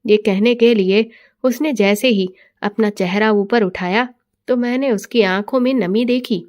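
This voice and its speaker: A woman narrating a first-person family story in a steady, expressive storytelling manner. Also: mid-range voice, a little slow.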